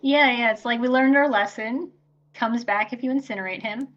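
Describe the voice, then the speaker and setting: A woman's voice: a little high, moderate pace, a bit bright, lo-fi sound. A woman co-hosting a game stream in casual chat over a voice call. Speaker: stream co-host. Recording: band-limited voice chat, music behind.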